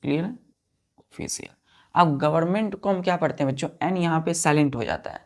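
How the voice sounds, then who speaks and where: Speaking fast in a fairly high, slightly mellow voice, a man goes over English vocabulary for exam prep. He is patient, says the important words more than once, spells each one letter by letter, and makes sure his students are keeping up.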